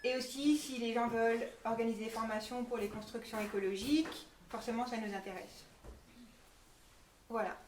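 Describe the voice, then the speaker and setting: A woman's voice: on the high side, fairly even intonation, moderate pace. A woman giving an informal spoken presentation of a project and answering questions. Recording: echoey room, distant mic, faint noise.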